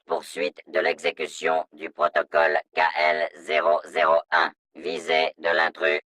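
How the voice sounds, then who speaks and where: An actor voicing a stern male security robot in a video game, through a robotic voice filter, in a flat, monotone, announcement-like delivery. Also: measured pace, no echo. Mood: cold, commanding. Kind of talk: video game dub dialogue lines.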